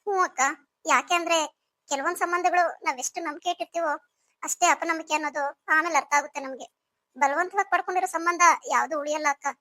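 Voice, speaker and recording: A woman's voice: very high voice, steady tone, fast talker, bright, forceful tone. A woman voicing a hurt, bitter young pregnant wife in a cartoon story, speaking in a reproachful, pleading way.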